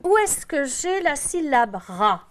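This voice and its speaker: High-voiced woman teacher, noisy classroom. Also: sing-song. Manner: patient questioning, sounds out syllables slowly. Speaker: primary school teacher. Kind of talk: guiding a reading lesson with young children.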